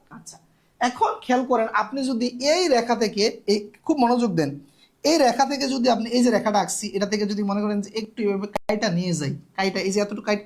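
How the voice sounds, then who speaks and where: A woman's voice: on the high side, a little mellow. A woman teaching a live online math class, patiently repeating key terms and checking that students understand.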